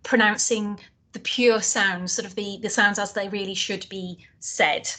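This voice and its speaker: A woman's voice: mid-range voice, steady tone, a little slow, bright, forceful tone. A woman from North East England with a North East accent, co-presenting an online phonics teaching session in a chatty, reassuring way with plenty of fillers. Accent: North East English.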